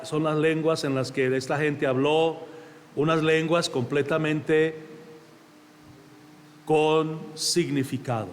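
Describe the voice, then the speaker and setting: A pastor with a Mexican accent and a slightly high voice delivers a conversational sermon in church, frequently calling listeners "brother." The sound is big and roomy, with a little background noise.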